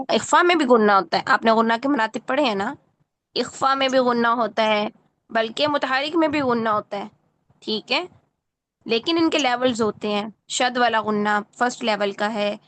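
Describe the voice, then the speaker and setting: A woman's voice: on the high side, fairly bright tone. A woman teaching Quran recitation in an online lesson, correcting a student patiently and often checking that she follows.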